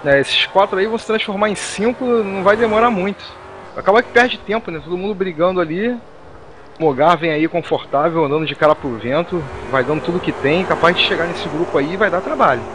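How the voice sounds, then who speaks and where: High-pitched Brazilian male race co-commentator. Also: brisk. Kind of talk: conversational race analysis. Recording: noisy, buzzing engines behind.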